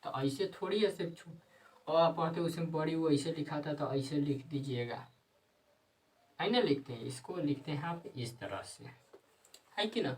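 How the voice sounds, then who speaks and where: A man teaching a grammar lesson, repeating himself and answering his own questions, sometimes dictating slowly word by word. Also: a little high, a little mellow, distant mic, low-quality recording.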